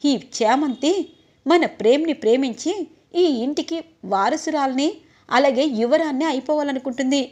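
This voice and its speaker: A scheming, jealous young fiancée, put on by a woman narrator. Her high voice pushes each accusation with insistence. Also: normal speed, darkish tone, close to an everyday voice. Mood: accusing.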